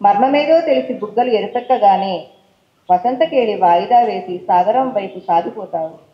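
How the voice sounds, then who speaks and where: Her voice mid-range and her pace moderate, a Telangana-accented poet on a poetry forum stage reads her own verse rhythmically, with casual introductions in Telugu mixed with English. The room is echoey and the audio has its highs cut off.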